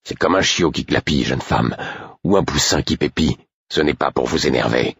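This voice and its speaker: A stern, weary man who keeps his temper in check, speaking slowly and firmly in a very deep, husky register, as the narrator puts him on. Read close to the mic in a dry, dead room. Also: fairly bright tone, no room sound, full character voice. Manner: low, measured, firm. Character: stern, weary grown man, calm and firm.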